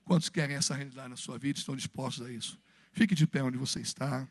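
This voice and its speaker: A man's voice: mid-range voice, fairly even intonation, quick pace, dry recording. A Brazilian man preaching a Sunday evening sermon in a church, moving between fervent exhortation and humorous personal stories. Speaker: pastor.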